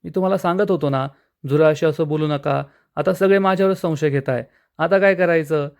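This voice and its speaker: A man voicing a flustered young husband who protests quickly and pleads, exasperated. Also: fairly high pitch, darkish tone, natural voice.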